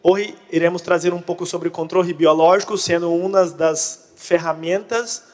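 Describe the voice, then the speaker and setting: A man's voice: high voice, fairly even intonation, normal speed, a little mellow. Brazilian man speaking portunhol in a reverberant hall. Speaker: conference speaker on crop pest control. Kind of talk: presentation to an audience. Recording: echoey hall with long reverb.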